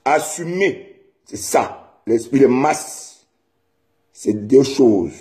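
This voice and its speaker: A man's voice: medium pitch, expressive, very slow, warm tone. A man from Cameroon ranting angrily at home, scolding and repeating himself. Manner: heated, scolding, repetitive. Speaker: vlogger. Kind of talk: angry direct-to-camera rant.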